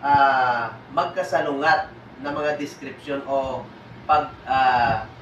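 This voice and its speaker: A man's voice: mid-range voice, slow, a bit bright, muffled recording, a little hiss or hum. A man teaching a class, patiently sounding out words syllable by syllable and mixing in English. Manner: mixes Tagalog with English and Ilonggo. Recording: echoey room from a distance.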